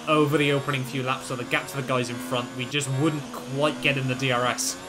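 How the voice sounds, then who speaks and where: A man's voice: mid-range voice, steady tone, brisk, noisy background. A man giving conversational, rambling commentary on a racing video game he played. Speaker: gaming video host, league racer.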